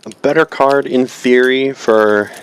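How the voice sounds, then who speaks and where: A young man giving live poker commentary as a guest, speaking in measured, articulate phrases. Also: mid-range voice, fairly even intonation, clean tone, poor audio.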